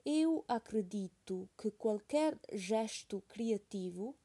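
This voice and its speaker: Woman teacher, dictation pace, each phrase said twice with punctuation spoken; unhurried, warm tone. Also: medium pitch, animated, husky. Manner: repeats each phrase slowly, calling out punctuation. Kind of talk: slow dictation with punctuation read aloud.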